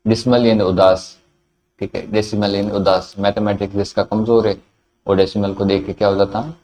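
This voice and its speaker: A man's voice: on the low side, level tone, normal speed, darkish tone. A man with a Hindi accent teaching English vocabulary in a classroom lecture, repeating each word and answering his own questions.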